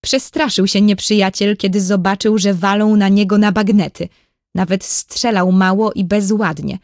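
Woman, audiobook narrator, children's story, clear, measured, dry studio sound. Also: medium pitch, fairly even intonation, darkish tone, no room sound.

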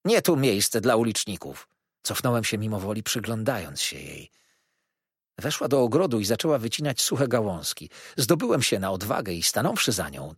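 Guy narrating an audiobook, husky lowish voice, super animated delivery, dry close sound. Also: no echo. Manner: expressive storytelling. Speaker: audiobook reader. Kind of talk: scripted narration.

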